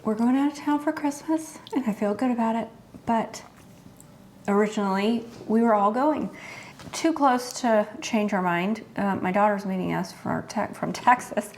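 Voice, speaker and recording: A middle-aged woman talks straight to her viewers in a relaxed, chatty way, earnest and heartfelt as she shares what matters to her. Her voice sits at an ordinary middle pitch, with a faint hiss behind it. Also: normal speed. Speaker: host. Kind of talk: casual chat to camera.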